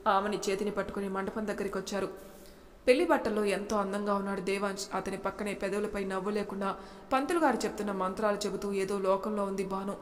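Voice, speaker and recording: A woman tells a drama story in a steady storybook narration. Her voice sits at a middle pitch, and each phrase trails off into a long reverb. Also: fast talker, a little hiss or hum.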